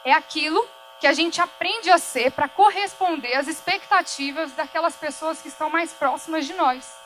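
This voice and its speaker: A woman's voice: high voice, normal speed, a bit bright, soft background music, rough recording. A young Brazilian woman speaking at a workshop, telling a personal story in an earnest way, correcting herself as she goes and acting out quoted dialogue. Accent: Brazilian Portuguese. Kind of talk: personal testimony talk. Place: event hall.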